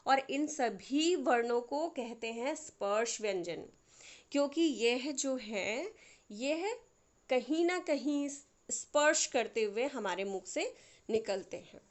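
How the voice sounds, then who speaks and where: A woman's voice: high voice, animated, slow. A woman teaching a lesson who explains patiently, step by step, and keeps checking that everyone follows. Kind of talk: classroom lesson.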